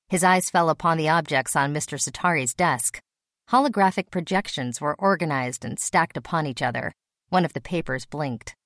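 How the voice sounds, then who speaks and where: Brief: woman narrator, low voice, dry close recording, steady storytelling read. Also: no room sound. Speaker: audiobook narrator. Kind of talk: scripted narration.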